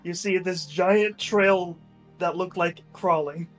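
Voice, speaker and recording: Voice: mid-range voice, steady tone, slow pace, soft background music. A game master narrating and refereeing a tabletop role-playing session.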